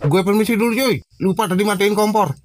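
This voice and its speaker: A man's voice: high voice, fast talker, slight background noise, voice pushed up, natural voice. A man doing a stammering, flustered young villager. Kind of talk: comedic cartoon dub.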